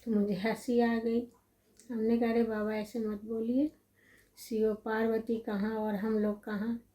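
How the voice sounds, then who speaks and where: Mellow, even-toned middle-aged woman storyteller. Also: a little high, a little slow, rough recording. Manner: gentle, repetitive listing, reminiscing. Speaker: vlogger recalling her family life. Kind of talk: casual personal storytelling.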